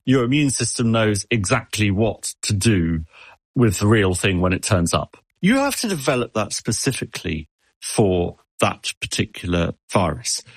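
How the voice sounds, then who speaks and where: A man's voice: fairly low pitch, sing-song, normal speed, breathy edge, no room sound. A man answering an interviewer as an expert, explaining with analogies and often stumbling over repeated words. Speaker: expert guest.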